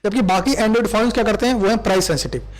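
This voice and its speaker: A man's voice: high voice, fast. A man giving a recorded commerce lecture, explaining with everyday examples and acted-out quotes.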